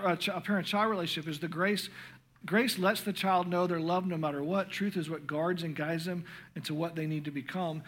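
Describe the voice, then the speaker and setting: A middle-aged man teaching parents in an earnest, passionate sermon, stumbling over restarts, his voice growing hoarse. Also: a little high. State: losing his voice.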